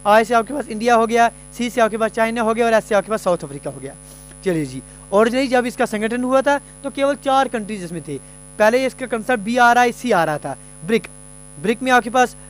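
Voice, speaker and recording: High-voiced man teaching an exam lesson. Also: a little hiss or hum. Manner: explains then repeats each point, reads English lines slowly. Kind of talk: lecture.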